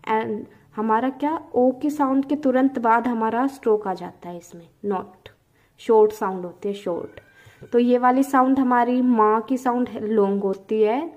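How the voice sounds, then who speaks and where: A woman's voice: on the high side, a little mellow. A woman teaching a shorthand lesson, drilling vowel sounds aloud and checking in with her students with frequent short questions. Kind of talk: classroom-style lesson.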